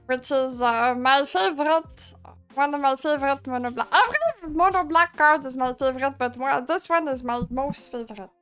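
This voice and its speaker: A player putting on a squeaky goblin voice while taking a turn in a card game, giggly and sing-song. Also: moderate pace, fairly bright tone. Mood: goofy. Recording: faint background music.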